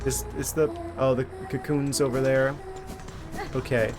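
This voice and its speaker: A man giving casual, wry gameplay commentary as a streamer, thinking out loud. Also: medium pitch, level tone, unhurried, music in the background. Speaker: game streamer.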